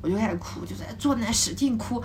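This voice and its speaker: Young female podcast guest, fairly high voice, animated anecdote delivery with frequent laughter. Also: fast. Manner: lively, laughing, mimics others' speech. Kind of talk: casual storytelling.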